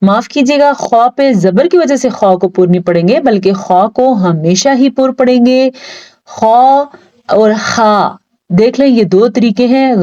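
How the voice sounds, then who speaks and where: A woman teaches Quran recitation rules in an unhurried, deliberate way, stretching each practised word out long. Her voice is mellow and dark rather than bright. The recording sounds a little dull and lo-fi. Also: mid-range voice. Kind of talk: step-by-step pronunciation lesson.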